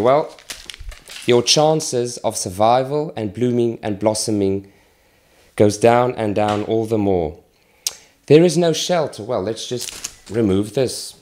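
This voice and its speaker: A middle-aged man from Malawi, a charity worker, making an earnest, measured appeal while demonstrating with a plant. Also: fairly low pitch, a little mellow. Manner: earnest, measured, with pauses and restarts.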